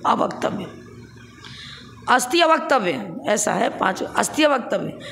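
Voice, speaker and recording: A woman's voice: on the high side, very animated, unhurried, a bit bright, slight background noise. A woman teaching a scripture class. She explains each point step by step, poses rhetorical questions and chuckles as she recites.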